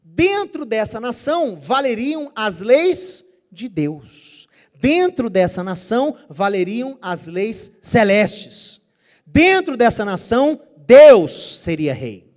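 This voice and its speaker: A man with a high-pitched voice leads a Bible study lecture. He explains carefully and pronounces Hebrew terms deliberately. He poses rhetorical questions to his listeners and answers them himself. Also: darkish tone. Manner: says Hebrew terms with care. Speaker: teacher.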